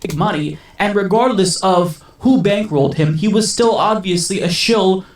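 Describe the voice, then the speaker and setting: A man's voice: high-pitched, lively intonation, moderate pace. Echoey, distant man on a sarcastic rant. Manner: long indignant runs, sarcastic. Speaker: podcast co-host. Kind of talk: casual political commentary. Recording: echoey room, away from the mic.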